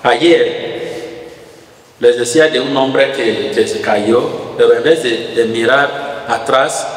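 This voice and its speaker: Slow preacher in an echoey hall. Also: male voice, medium pitch. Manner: halting, repeats words, rising to emphatic. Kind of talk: sermon. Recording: echoey hall with long reverb.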